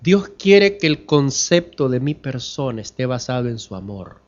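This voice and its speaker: A man preaching a sermon as pastor, asking the congregation questions and swinging from loud emphatic lines to hushed ones. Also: mid-range voice, sing-song, normal speed, muffled recording. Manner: addresses the congregation as brothers.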